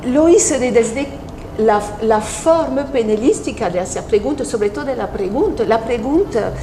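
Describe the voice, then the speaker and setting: A woman from France speaking Spanish with a French accent, calmly explaining her work as an interview guest, with pauses and restarts. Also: a little high, reverberant, background noise. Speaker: guest, NLP practitioner. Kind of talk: interview conversation.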